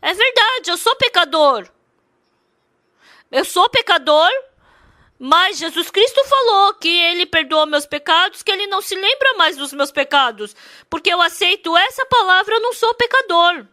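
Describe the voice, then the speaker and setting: A woman's voice: very high voice, expressive, normal speed, sharp tone, no echo, clean studio sound. A woman interprets a sermon. She speaks emphatically, repeats her points and asks the congregation many rhetorical questions.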